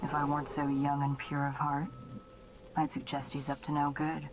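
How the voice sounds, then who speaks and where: A woman's voice: low voice, completely flat delivery, moderate pace, noisy background, natural voice. An actress playing a young female assassin with a dry, sardonic way of speaking.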